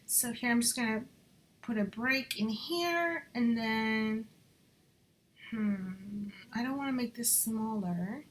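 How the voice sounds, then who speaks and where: A woman's voice: a little high, slow pace, slight background noise. A woman talking through her design work on a screen recording, chatty and muttering to herself as she goes, slipping in Spanish phrases now and then. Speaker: job applicant.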